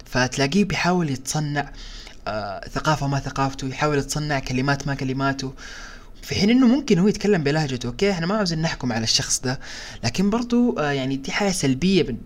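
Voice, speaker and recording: A man's voice: fairly high pitch, sing-song, racing. A man with a Sudanese accent co-hosting a casual discussion, careful and qualifying his words as he goes. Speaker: show co-host.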